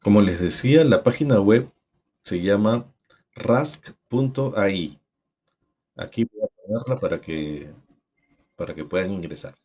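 Male tutorial host, lowish voice, calm walkthrough. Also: unhurried, pauses often, breathy edge. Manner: calm, explanatory. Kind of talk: screen tutorial narration.

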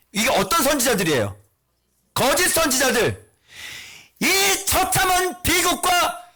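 A man preaching as pastor, with a high and very animated voice. He poses questions to his listeners and answers them himself. His sound is bright and forceful, and he swings between near-whispers and shouted lines. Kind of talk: sermon.

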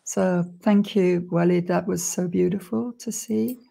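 An older woman hosting an online film premiere over a video call, speaking gently and in a measured way with frequent pauses. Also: fairly low pitch, fairly even intonation, vocal fry. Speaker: event host. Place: room indoors.

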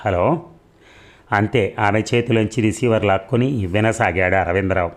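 Male narrator for a read-aloud novel, steady storytelling, low-pitched. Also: moderate pace. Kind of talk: reading a serial novel aloud.

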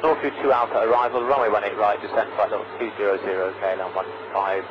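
A male airline pilot talking briskly with air traffic control over aviation radio. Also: fairly low pitch, fairly even intonation. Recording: muffled, noisy cockpit radio.

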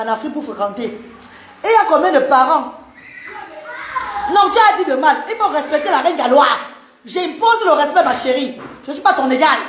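A woman's voice: high-pitched, roomy sound, a little hiss or hum. A Cameroonian woman with a Cameroonian French accent, live-streaming to her viewers, emphatic and repetitive as she scolds and banters with them.

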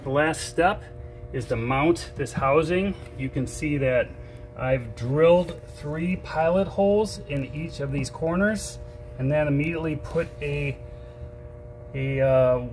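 An older man giving a relaxed, step-by-step how-to demonstration as he works on a sailboat in a large indoor storage shed. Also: fairly high pitch. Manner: relaxed, explains step by step while working. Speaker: sailing vlogger.

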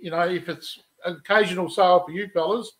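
A man's voice: sits high, steady tone, quick pace. A middle-aged man co-hosting a casual show, chatty and joking, with restarts. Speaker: podcast co-host. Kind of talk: casual chat. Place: studio room, then wood workshop.

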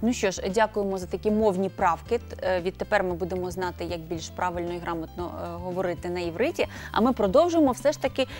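A woman hosting a morning TV program, keeping the talk moving at a quick, upbeat clip. Her voice sits at a middle pitch. Soft music plays faintly in the background. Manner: brisk, upbeat presenter delivery. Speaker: morning show host. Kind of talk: morning TV studio conversation.

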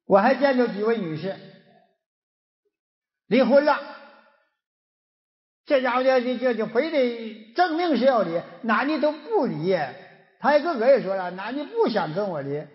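High-pitched Northeastern Mandarin man lecturing. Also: animated, unhurried, long pauses. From Northeast China. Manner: earnest, exhorting, with rhetorical questions. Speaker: moral lecturer. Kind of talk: folk moral lecture. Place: lecture hall. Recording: echoey lo-fi hall recording.

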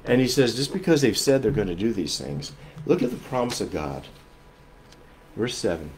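A man's voice: lowish voice, expressive, normal speed, slight background noise. Earnest male pastor preaching a sermon. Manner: earnest, emphatic, shifts often between loud and soft; repeats and restarts phrases while explaining.

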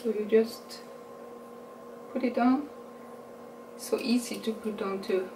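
A beauty vlogger in her forties from Norway speaks English with a Norwegian accent while chatting through a makeup haul, taking her time, correcting herself and laughing at her English. Her voice is on the high side, and the distant camera mic in a small room yields roomy audio with a constant hiss.

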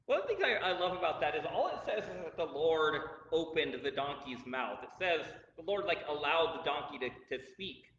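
Animated man teaching a bible lesson. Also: on the high side, moderate pace, hardly any pauses, a little hiss or hum. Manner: animated, chatty, laughs often. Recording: roomy, distant, dull recording.

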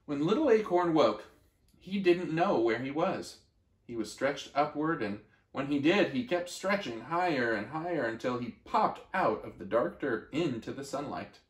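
A man reading a children's storybook aloud in a gentle, expressive way. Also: mid-range voice, moderate pace, roomy sound. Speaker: story reader.

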